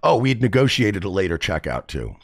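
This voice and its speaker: Brief: man, radio host, low voice, animated and profane comic storyteller with a lively pitch. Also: a little fast, vocal fry.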